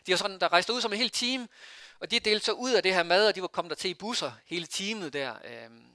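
A male preacher gives a sermon in a loose, conversational way, asking his listeners one question after another. His voice is somewhat high and bright, with a gravelly edge. The recording sounds dry and close. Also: animated, no room sound. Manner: conversational, rhetorical questions, frequent hesitations.

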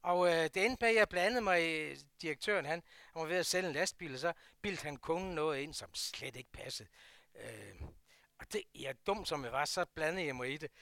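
An older man with a Jutlandic Danish accent telling a personal story from his working life, swinging between loud bursts and hushed asides. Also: a little high, no echo. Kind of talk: personal anecdote.

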